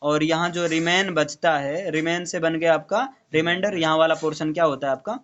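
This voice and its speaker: A man's voice: on the high side, steady tone, normal speed, a bit bright, dull audio. A male tutor teaching maths to a student, explaining step by step and checking in often. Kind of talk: classroom maths lesson.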